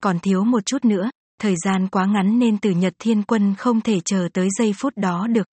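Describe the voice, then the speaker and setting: A woman voicing a learned academy elder who explains calmly in a fantasy audiobook. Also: mid-range voice, moderate pace, slightly rough, dry recording, natural voice. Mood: explaining.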